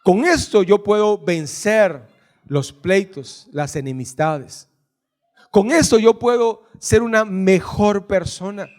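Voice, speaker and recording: A man with a Guatemalan Spanish accent preaching a sermon as pastor in a church, reading scripture lists slowly and joking with the congregation. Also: high voice. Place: church hall.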